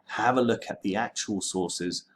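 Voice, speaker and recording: A man teaching history, walking students through a screen-share tutorial in a relaxed way with many ums and okays. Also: on the low side, unhurried, slight background noise.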